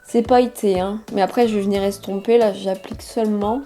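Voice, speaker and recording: A woman's voice: medium pitch, steady tone, a little fast, dark tone, soft background music. A young woman chatting casually and enthusiastically while walking through a makeup tutorial as a beauty vlogger. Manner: chatty, enthusiastic about colors.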